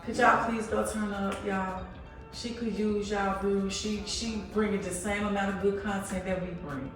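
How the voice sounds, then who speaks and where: A woman's voice: mid-range voice, little pitch movement, moderate pace, faint music behind. A woman over fifty, chatting casually with friends on a trip and gushing with praise. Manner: effusive, repeats herself, loud bursts. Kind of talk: casual chat. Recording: echoey room from far off.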